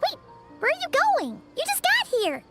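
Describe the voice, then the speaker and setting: A woman voicing a lively young female cat spirit in a game, bubbly and excitable. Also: extremely high pitch, normal speed, music in the background, exaggerated voice.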